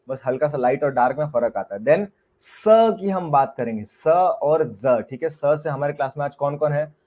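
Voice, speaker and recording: A man's voice: a little high, darkish tone. A young Indian man teaching shorthand in a chatty live class, often checking in with his students and mixing in English words.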